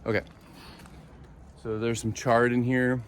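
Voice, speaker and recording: A man hosting a casual garden tour vlog outdoors, slightly out of breath and rambling with many pauses. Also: medium pitch, level tone, slight background noise. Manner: rambling, with many ums and uhs.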